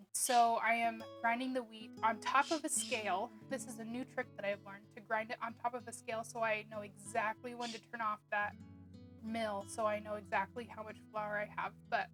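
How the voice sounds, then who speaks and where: A woman's voice: fairly high pitch, fairly even intonation, moderate pace, fairly bright tone, soft background music. A woman narrating a casual homemaking vlog, chatty and rambling with frequent ums and little laughs. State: hiccuping. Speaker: homemaking vlogger.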